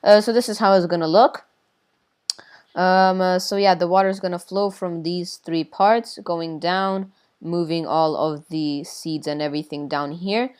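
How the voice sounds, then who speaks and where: A woman's voice: lowish voice, steady tone, unhurried, darkish tone, smooth. A woman casually explaining a game build, hesitant with many fillers and playful sound effects. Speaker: tutorial builder. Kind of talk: casual game tutorial chat.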